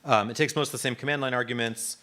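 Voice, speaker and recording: A man instructing a hands-on coding workshop. His voice sits at an ordinary middle pitch, and he talks casually, with frequent ums and self-corrections as he demos. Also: fairly even intonation, fast, pushed and bright. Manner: casual, many fillers and restarts.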